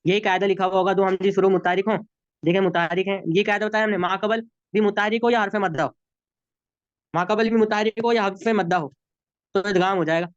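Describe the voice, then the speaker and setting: Urdu-accented male tutor, higher register, patient and repetitive, dry muffled video-call audio. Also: steady tone, a little fast, clear, resonant tone, dry recording. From Pakistan. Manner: patient, repeats rules, checks understanding. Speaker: Arabic grammar teacher. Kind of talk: online class lesson.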